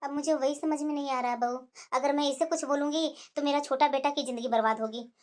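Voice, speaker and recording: A woman's voice: sits high, fairly even intonation, quick pace, natural voice. Woman voicing a complaining old grandmother. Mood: lamenting. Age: older. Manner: lamenting, plaintive. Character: old grandmother, worried and complaining mother-in-law.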